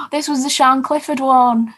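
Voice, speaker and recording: A woman's voice: sits high, steady tone, measured pace, fairly bright tone. A woman co-hosting a podcast, chatting enthusiastically about TV shows with lots of fillers. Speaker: podcast co-host. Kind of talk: casual chat about TV shows.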